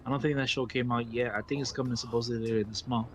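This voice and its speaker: A Brooklyn man with a New York accent, chatting on a gaming stream, excitable and laughing, repeating words and calling people "bro". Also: mid-range voice, very fast, a little hiss or hum. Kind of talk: casual gaming stream chat.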